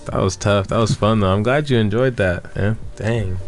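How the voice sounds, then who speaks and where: A man's voice: fairly low pitch, moderate pace, faint music behind. A young man, a rapper and musician, talking casually in a radio studio interview, laid-back and rambling with lots of fillers. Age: young adult.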